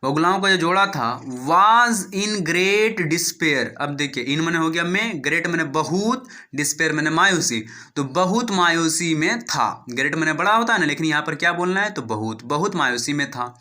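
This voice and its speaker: An Indian-accented English teacher reads a story one phrase at a time in a line-by-line reading and translation lesson, spelling words letter by letter and quizzing himself on their meanings. His very bright voice sits a little high for a man, with lively intonation. He explains slowly, asking and answering his own questions.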